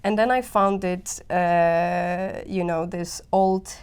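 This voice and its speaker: A woman in her thirties from Poland, speaking English with a Polish accent as a guest artist in a casual interview, animated, with many fillers and restarts. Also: on the low side, takes it slowly, clean tone. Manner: animated, frequent fillers and restarts, laughs easily.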